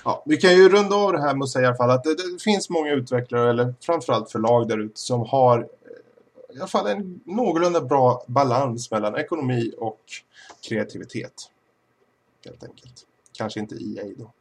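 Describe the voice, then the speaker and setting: Male podcast host, gravelly and husky, measured, steers the conversation. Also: medium pitch, lively intonation. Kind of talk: casual chat.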